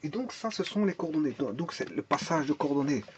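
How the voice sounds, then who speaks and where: A man's voice: a little high, expressive, fairly quick, highs cut off, background noise. A man teaching a math and physics lesson, explaining step by step, thinking aloud, repeating words and restarting often, and asking and answering his own questions.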